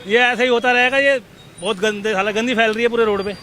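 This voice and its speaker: A man's voice: very high voice, fairly even intonation, quick pace, pushed and bright, a little hiss or hum. A man interviewed by a road, ranting coarsely and angrily about his neighbourhood. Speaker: passer-by interviewed. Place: outdoors by a road.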